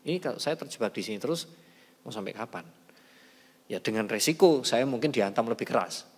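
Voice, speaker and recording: Animated man. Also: mid-range voice, fairly quick, slightly rough. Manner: animated, shifts between soft asides and loud emphasis. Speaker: talk show speaker. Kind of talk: casual storytelling talk. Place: large church hall. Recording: hall with long reverb.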